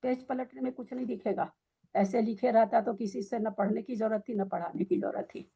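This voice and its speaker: A woman's voice: a little high, fairly even intonation, fairly quick, vocal fry, dark tone, slightly rough. A woman teaching a scripture study class, quizzing and scolding her students with pointed questions.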